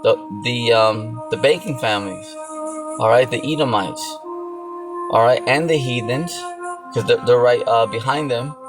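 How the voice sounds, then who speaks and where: Over background music, a man delivers an informal sermon in a mid-range, slightly slow voice. This religious teacher is repetitive and full of fillers, regularly checking in with his listener by saying "okay" and "you know".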